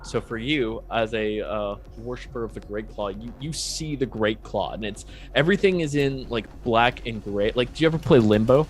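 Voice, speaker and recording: A man in a middle register runs a tabletop game, narrating the action in a loose, filler-heavy way. Soft music plays faintly behind him. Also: mid-range voice, normal speed, few pauses. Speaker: game master. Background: faint music he is playing.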